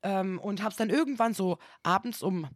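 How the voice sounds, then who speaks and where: Animated woman telling a story, dry sound. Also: mid-range voice, normal speed, no room sound. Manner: animated storyteller acting out quoted voices. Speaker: podcast co-host. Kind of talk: casual chat, storytelling.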